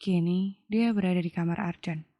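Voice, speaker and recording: A woman tells a romance story aloud in a calm, measured way. Her voice sits low, with a dark, warm tone. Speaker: narrator. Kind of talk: scripted audio novel narration.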